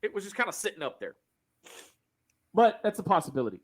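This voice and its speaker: A man's voice: high-pitched, big pitch swings, fast. A man hosting a casual podcast chat over an online call, loose and profane, running the show. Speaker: podcast host.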